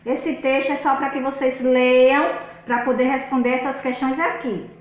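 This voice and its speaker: A woman's voice: high voice, little pitch movement, echoey room, low-quality recording. A woman with a Brazilian Portuguese accent, teaching a recorded video lesson and patiently walking pupils through a worksheet. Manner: patient, slow and explanatory, with many spoken fillers. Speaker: schoolteacher.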